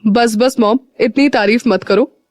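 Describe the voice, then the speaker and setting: A woman's voice: fairly high pitch, measured pace, a little mellow, no echo, clean studio sound. A woman voicing a teasing, protective older brother. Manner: teasing, fond.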